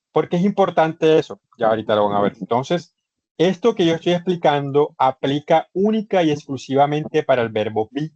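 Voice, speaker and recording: Through his computer microphone in a video session, an English teacher leads an online lesson, breaking things down step by step and repeating what matters most. His voice is mid-range and a little mellow, without room sound, though the online audio is slightly muffled.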